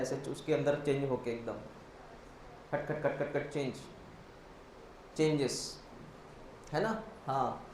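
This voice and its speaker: Male biology teacher, slightly high voice, quizzing lecture style, echoey classroom with faint noise. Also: a little mellow. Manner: explains step by step, quizzing students and answering himself; mixes Hindi with English terms, spells words out.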